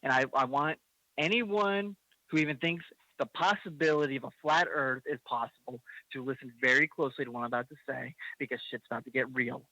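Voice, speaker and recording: A man's voice: medium pitch, brisk, sharp tone, no echo, highs cut off. A young man hosting a podcast, ranting heatedly with swearing and emphatic bursts. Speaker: podcast host. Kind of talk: impassioned podcast rant.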